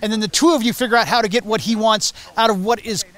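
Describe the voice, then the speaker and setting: A man's voice: high-pitched, fairly even intonation, quick pace, a bit bright. A man explaining how a director and effects crew work together, matter-of-fact. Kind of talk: documentary interview.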